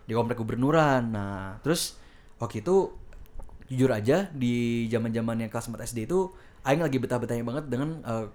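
A man with a middling pitch and a Bandung Indonesian accent flecked with Sundanese slang. He co-hosts a podcast in a loose, joking way. His talk moves between casual banter and storytelling, with quick bursts of repeated agreement. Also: darkish tone. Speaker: podcast co-host.

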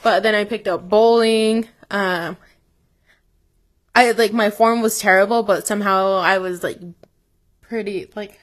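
A woman's voice: mid-range voice, fairly even intonation, a little slow, pauses often. A young woman co-hosting a casual podcast chat, laughing often, swearing casually and trailing off with fillers. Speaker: podcast co-host.

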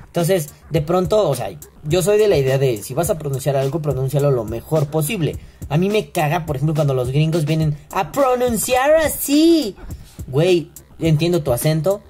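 A vlogger with a Mexican accent reads headlines aloud in a loose, casual way and keeps breaking off for crude, sarcastic jokes. The voice is dark and mellow. Soft music plays quietly underneath. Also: medium pitch. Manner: profane, sarcastic asides. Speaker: vlogger reading news. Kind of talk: casual news commentary.

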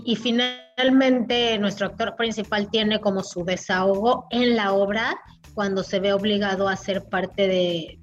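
A woman, co-hosting a casual film review chat, animated and full of restarts. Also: mid-range voice, lo-fi sound. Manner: animated, talks through restarts and fillers. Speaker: film podcast co-host.

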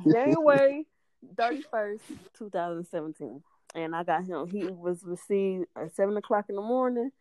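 A woman's voice: mid-range voice, a little slow. A woman in casual chat, telling stories with lots of cursing and laughter and acting out what people said. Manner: animated storyteller, cursing, laughing, acting out quotes.

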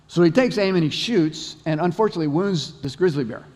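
A man's voice: fairly high pitch, animated, fairly quick, a little mellow. Conversational male pastor in echoing hall. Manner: conversational, repeats words, storytelling. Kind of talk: sermon. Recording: long hall reverb.

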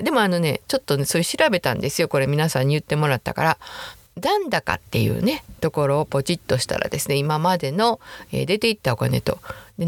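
A woman's voice: fairly low pitch, no room sound. Chatty Kansai woman in her sixties. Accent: Kansai Japanese. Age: 60s. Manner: chatty, self-deprecating, laughs often. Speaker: podcast host. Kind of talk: casual chat reading listener mail.

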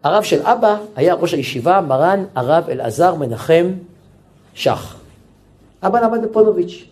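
A man, a rabbi, telling a family story in a religious lecture, acting out the voices. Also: a little high. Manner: animated storyteller, acts out every voice.

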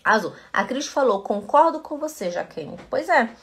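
A woman teaching a live-streamed German lesson from home, chatty, greeting viewers by name and slowly repeating words. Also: on the high side, very animated. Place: at home in front of a computer. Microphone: computer camera mic.

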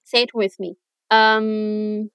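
Casting High-pitched woman podcast teacher, clear and encouraging, dry close sound. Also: lively intonation, unhurried, fairly bright tone, dry recording. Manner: clear, upbeat teacher modeling phrases for repetition. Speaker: English teacher, podcast host. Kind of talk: bilingual language lesson podcast. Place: lives in New Zealand.

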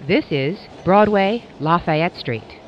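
A woman's voice: lowish voice, animated, takes it slowly, a little hiss or hum. A woman announcing stops in scripted train messages, with names and phrases pieced together from separate recordings. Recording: dull, band-limited recording.

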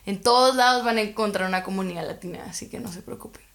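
A woman's voice: medium pitch, fast talker, a bit bright. A young woman from Guatemala, a podcast guest telling stories in a rambling, chatty way full of filler words. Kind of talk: casual interview chat.

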